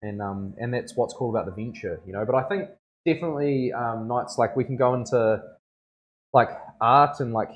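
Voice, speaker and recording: On a lo-fi recording, the broad-accented New Zealand tattoo artist speaks at a moderate pace with a medium pitch. He's chatting casually on his livestream in relaxed slang, regularly asking for agreement.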